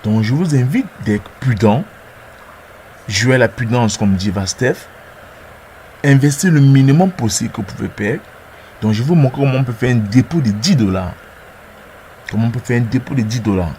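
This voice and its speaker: A man's voice: medium pitch, animated, normal speed, long pauses, dark tone, slight background noise. A man narrating a screen-recorded tutorial as its presenter, talking through each step hesitantly and repeating words as he clicks.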